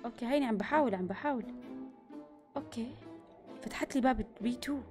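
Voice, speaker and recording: A young woman talks fast and high over a game, narrating each move aloud. She is excitable, bursting into screams and dropping into quick whispers. Faint game music plays behind her. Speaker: gaming YouTuber. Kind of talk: let's-play commentary.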